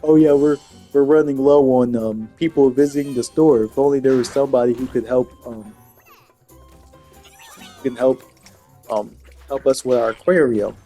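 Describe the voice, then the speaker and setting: A man's voice: medium pitch, fairly even intonation, slow, long pauses, warm tone, breathy edge, soft background music. A man voicing an aquarium owner pleading for help with fish.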